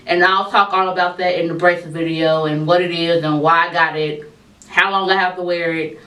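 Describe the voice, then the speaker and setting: A woman's voice: lowish voice, fairly even intonation, normal speed, a bit bright. A woman vlogger with a lisp from braces, talking casually to her viewers. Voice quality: lisp from braces and tongue crib. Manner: chatty, informal, addresses viewers as y'all. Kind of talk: casual life update vlog. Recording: roomy echo, speaking from a distance to the mic.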